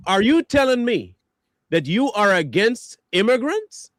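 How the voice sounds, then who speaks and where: A man with a high, bouncing voice trades mocking jabs in casual livestream banter. The sound is dry and close, with no room around it. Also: dry recording. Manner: animated, mocking, quick to laugh. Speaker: livestream co-host.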